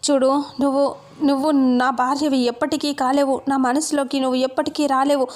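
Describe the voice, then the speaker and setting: A woman's voice: high-pitched, level tone, normal speed, close to an everyday voice. A woman reading the lines of an angry young husband who feels betrayed, in an accusing tone. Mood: bitter accusing. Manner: accusing, shouting.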